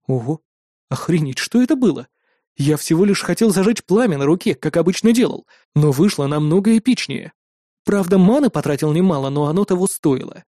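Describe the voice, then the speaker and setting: An audiobook narrator reading a first-person fantasy story with steady, lightly dramatic storytelling. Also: mid-range voice, a little fast, no room sound, studio quality.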